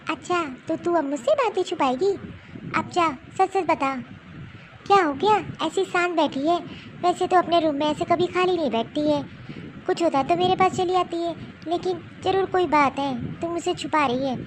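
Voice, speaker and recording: A woman's voice: very high-pitched, moderate pace, slight background noise, low-quality recording. A woman playing a caring old mother-in-law. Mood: coaxing. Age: 70s. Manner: coaxing and consoling. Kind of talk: cartoon voice acting.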